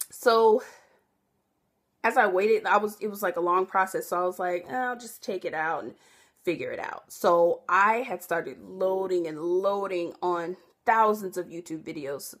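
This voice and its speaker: A young woman vlogging in a casual, rambling way, often correcting herself and filling pauses with "um.". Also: fairly low pitch. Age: young adult. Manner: rambling, self-correcting, chatty with many fillers. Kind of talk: casual chat to camera.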